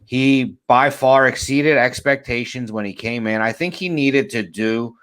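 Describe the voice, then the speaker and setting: A man co-hosting a sports podcast, talking in a relaxed, measured, thoughtful way. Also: mid-range voice. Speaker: podcast co-host. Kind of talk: casual sports podcast chat.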